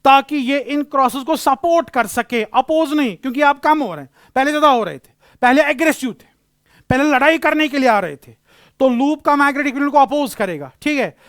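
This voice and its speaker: A man's voice: very high-pitched, lively intonation, normal speed, fairly bright tone, no room sound, studio quality. A male physics teacher giving a classroom lecture, explaining patiently, repeating key phrases and using terms.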